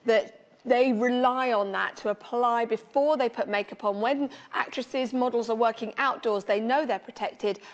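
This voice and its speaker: Female home shopping product presenter, fairly high voice, emphatic and persuasive, in a slightly muffled, echoing studio. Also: steady tone, moderate pace. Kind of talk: home shopping host-style product demonstration. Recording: slightly dull, reverberant studio sound.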